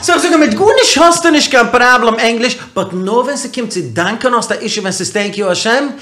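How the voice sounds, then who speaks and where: A man talking as a podcast guest, telling a story in a casual, animated way and asking a lot of rhetorical questions. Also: very high-pitched, brisk. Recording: roomy echo.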